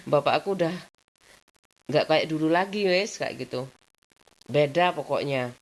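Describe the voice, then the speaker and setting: A woman's voice: sits low, takes it slowly. A woman telling personal stories in a casual vlog, chatty and rambling, leaning on the same filler phrases again and again. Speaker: vlogger.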